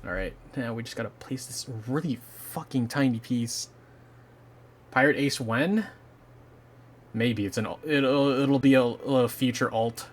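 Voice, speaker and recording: A man's voice: mid-range voice, a little slow. A young man chatting casually on a live stream while building a model kit, rambling and swearing lightly. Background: faint game music.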